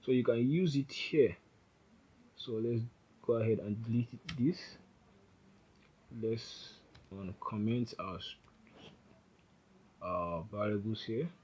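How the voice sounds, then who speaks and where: A programming instructor records a casual, rambling coding tutorial on screen, often correcting himself as he types. His voice is lowish and dark, slow, with frequent pauses. The lo-fi audio carries a little hiss or hum.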